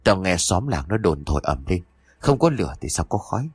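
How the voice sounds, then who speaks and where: A man playing a furious jealous husband from an old spooky audiobook, harsh and insulting, spitting out rapid scolding that lurches up and down in pitch, his voice low and close without any room sound. The delivery is biting and relentless, every word a fresh accusation. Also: very animated, slightly rough, no room sound, heavily acted. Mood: enraged. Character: jealous, abusive husband in his village home.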